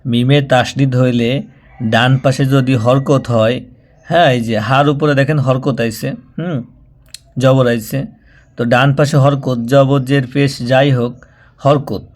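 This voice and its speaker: A man teaching Quran reading. He spells out syllables slowly and patiently, repeating them and drawing them out as he demonstrates. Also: mid-range voice, fairly even intonation. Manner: patient, repetitive, slows down and draws out syllables when demonstrating. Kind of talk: spoken tutorial, spelling out and chanting syllables.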